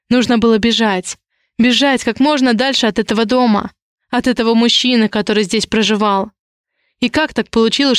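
A woman narrating a first-person romance audiobook with a steady, expressive reading. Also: fairly high pitch, clear, resonant tone, no room sound, studio quality.

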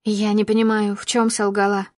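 A woman narrating a first-person audiobook with steady storytelling that rises with emotion in dialogue. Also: medium pitch, moderate pace, dry recording, studio quality.

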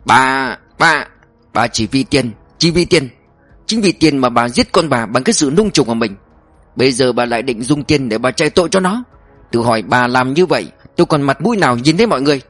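A man's voice: medium pitch, expressive, a little fast, fairly bright tone, no echo, soft background music. A man voicing a stern, principled older father who speaks with resolve and indignation. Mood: resolute.

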